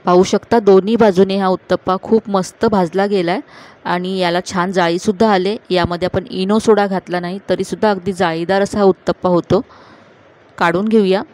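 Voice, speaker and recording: Calm woman explaining a recipe. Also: medium pitch, normal speed. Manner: calm, instructive, addressing viewers directly. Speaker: cooking channel host. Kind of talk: step-by-step cooking voice-over.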